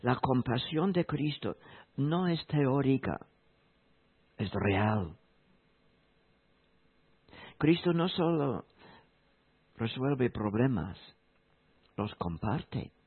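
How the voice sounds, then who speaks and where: A man preaching a sermon in a slow, emphatic way, repeating key phrases. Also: medium pitch, sing-song, breathy edge. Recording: tinny phone-like sound.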